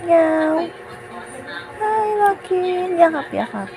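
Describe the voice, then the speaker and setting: A woman voicing a playful pet cat that soothes a crying baby in slow, sing-song baby talk, with music playing behind. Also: very high voice, very animated, pitched above the performer's own voice, heavily acted. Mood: playful soothing. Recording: background music over the voice.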